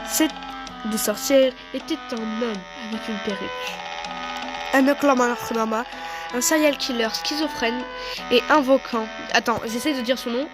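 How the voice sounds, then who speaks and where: Wry young narrator acted by a woman, high voice, reflective horror-story narration over music. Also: lightly acted. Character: wry young narrator recalling a haunted-manor night years later. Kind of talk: scripted first-person narration.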